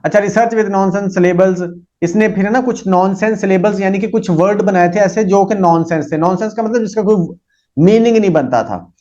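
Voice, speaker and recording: A man teaching a psychology lesson. He reads English lines slowly and explains them with many fillers. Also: high voice, a little mellow. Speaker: psychology lecturer. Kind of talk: lecture reading English text and explaining in Urdu-Hindi. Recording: dull lo-fi recording.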